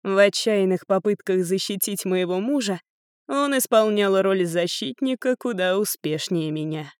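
A woman reading a novel aloud in a calm, detached narrating voice. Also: mid-range voice, a little slow, clean tone, dry recording, studio quality. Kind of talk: audiobook narration.

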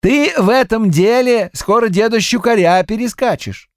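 A man's voice: high-pitched, normal speed, no echo, studio quality, voice pushed up. A man voicing a sly villager who ribs a friend. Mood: amused. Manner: amused, ribbing.

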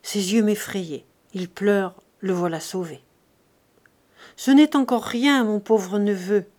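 A woman's voice: mid-range voice, steady tone, measured pace, dark tone, natural voice. A woman doing an old miserly uncle. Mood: dismissive. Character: old miserly man, cold, calculating uncle. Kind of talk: audiobook reading of a classic novel.

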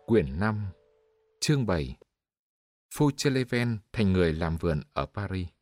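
A man narrating a novel as an audiobook in an expressive storytelling manner. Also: low-pitched, unhurried, dry recording, soft background music.

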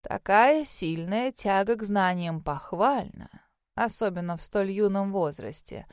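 A woman voicing an elderly male magic academy examiner, speaking slowly in a low, murmuring voice. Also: animated, smooth, dry recording, clean studio sound. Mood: measured, musing. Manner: slow, low, murmuring delivery.

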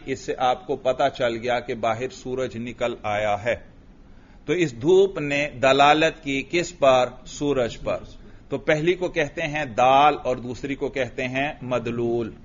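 Male religious teacher, questioning lecture style, dull lo-fi recording. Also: medium pitch. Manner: asks questions and repeats the answers; chants Arabic text in a melodic recitation. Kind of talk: classroom lecture on Arabic grammar and logic.

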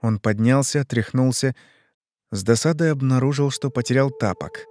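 A man narrating a horror story in a steady, measured way. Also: mid-range voice, no echo, studio quality. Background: faint music.

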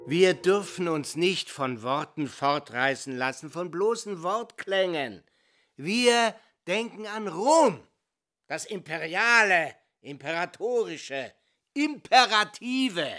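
An actor playing a pompous professor who declaims grandly in a radio drama. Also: male voice, high voice, lively intonation, takes it slowly, bright, forceful tone, heavily acted. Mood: orating. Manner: declamatory, sweeping oratory. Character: pompous old male professor, orating grandly.

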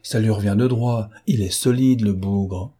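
A man reading an audiobook and voicing a mocking, self-assured gentleman thief with a raised, teasing, theatrical voice. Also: lowish voice, measured pace, husky.

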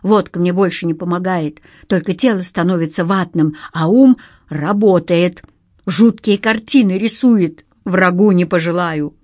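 A woman's voice: fairly low pitch, a little slow, darkish tone, dry recording, clean studio sound. A woman voicing a panicky, hysterical young male banker in an audiobook, with frantic, sobbing pleas.

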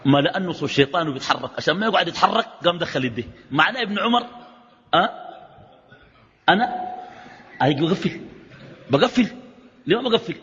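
A man's voice: on the high side, fast, long pauses. A middle-aged man with a Sudanese Arabic accent gives a colloquial religious lecture and keeps firing rhetorical questions at his listeners. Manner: animated, fires rhetorical questions at the audience. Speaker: sheikh giving a religious lecture. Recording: reverberant hall, dull lo-fi sound.

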